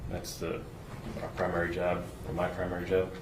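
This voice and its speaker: Brief: low-voiced male witness on a courtroom recording, roomy and noisy, halting testimony. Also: monotone. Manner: halting, with many fillers and restarts. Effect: played from a courtroom recording. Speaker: search and rescue agent testifying as a witness. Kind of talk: courtroom testimony, answering questions.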